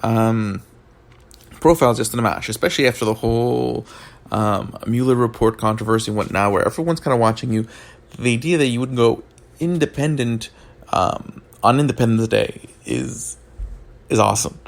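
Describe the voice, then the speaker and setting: Groggy as if just awake, a man offers casual, unscripted political commentary, halting, repeating words and pausing. His voice is mid-range and creaky.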